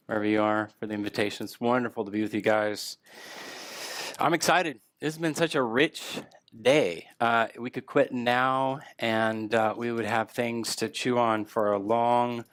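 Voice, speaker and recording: A man speaking at a conference, giving a lecture with relaxed, self-deprecating humor. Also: medium pitch, no echo. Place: conference hall.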